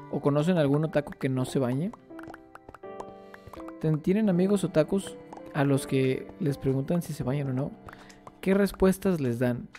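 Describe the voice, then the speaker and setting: Mellow-voiced Mexican man rambling through gameplay. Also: a little high. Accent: Mexican Spanish. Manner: rambling, playful, poses questions to viewers. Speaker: gaming streamer. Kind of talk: casual gameplay commentary.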